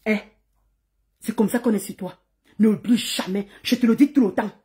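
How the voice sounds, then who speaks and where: A woman's voice: medium pitch, fairly even intonation, moderate pace, dark tone. A woman on a live stream, ranting and taunting someone with insults, repeating words as she goes. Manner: insulting, taunting, swings to laughing greetings. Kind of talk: heated live-stream rant.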